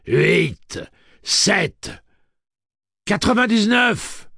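A man voicing an enraged, blinded male messenger robot, shrieking in a very high, slow, drawn-out voice. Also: vocal fry, fairly bright tone, no echo, clean studio sound, heavily acted. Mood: cold, gloating.

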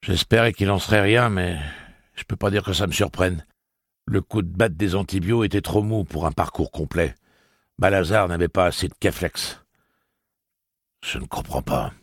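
A man's voice: sits low, moderate pace, no room sound, studio quality. A man voicing an earnest young man in an audiobook, who argues his point patiently and insistently. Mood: explaining. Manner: earnest, pressing, argumentative. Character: young man, persistent, reasoning. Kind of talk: audiobook character voice.

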